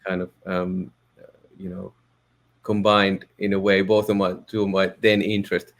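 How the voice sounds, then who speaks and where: A man's voice: low voice, little pitch movement, moderate pace. A man from Finland, a Finnish speaker, talking in a podcast interview as a guest, thoughtful and hesitant with many fillers and restarts. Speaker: guest, photo editor.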